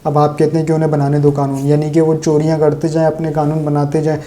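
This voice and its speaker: A man's voice: fairly high pitch, completely flat delivery, mellow. A man from Pakistan delivering sarcastic, opinionated solo political commentary straight to his viewers.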